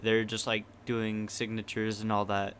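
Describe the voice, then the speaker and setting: A man's voice: on the low side, monotone, a little slow, fairly bright tone, a little hiss or hum. A young man co-hosting a podcast, rambling casually with lots of "like" and mocking voices from ads. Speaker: podcast co-host. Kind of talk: casual chat.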